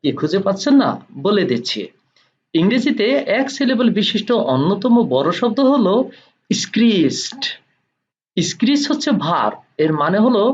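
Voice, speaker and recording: A man's voice: sits high, muffled recording. A man narrating an English vocabulary lesson, posing quiz questions to the viewer and then answering them. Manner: rising and falling teacher's cadence, posing quiz questions. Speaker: English teacher. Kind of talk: scripted tutorial narration.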